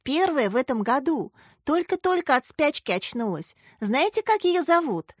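A woman's voice: high-pitched, very animated, moderate pace, no echo, clean studio sound, voice pushed up. A woman voicing a cheerful, sly little schoolgirl in a storybook reading. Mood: excited.

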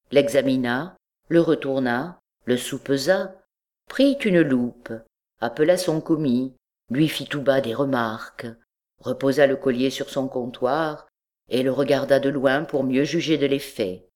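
A woman reading a classic story aloud as an audiobook, in measured narration. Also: a bass voice, darkish tone. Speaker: audiobook reader.

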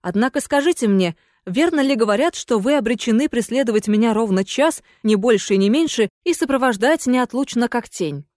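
A woman voicing a calm, mocking young male heir in an audiobook, cool and unhurried. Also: on the high side, dry recording, studio quality, natural voice. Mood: polite.

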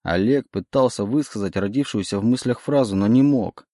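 Mellow-voiced male audiobook narrator. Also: lowish voice, normal speed, dry recording, clean studio sound.

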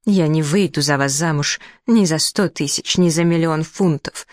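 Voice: normal speed, no echo, studio quality, close to an everyday voice. A reader voicing an indignant, plump middle-aged widow who makes theatrical complaints. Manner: shrill outrage, theatrical complaints.

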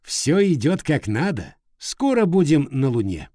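A man doing a calm, kindly professor. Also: on the high side, no room sound, clean studio sound, pitched above the performer's own voice. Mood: reassuring. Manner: reassuring, measured. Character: kindly calm middle-aged male professor.

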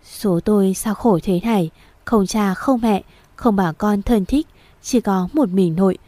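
A woman, reading a first-person story aloud in a steady, sorrowful way. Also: medium pitch, measured pace, no echo. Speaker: story narrator.

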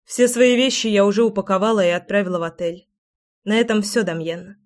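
A woman's voice: mid-range voice, fairly even intonation, fairly quick, darkish tone, close to an everyday voice. A woman voicing a resolute young seer who speaks coldly and cuttingly. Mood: curt. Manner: cold, cutting.

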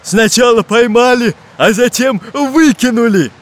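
Brief: male reader as a fat grumpy pirate, loud growl, raised pitch. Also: measured pace. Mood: angry.

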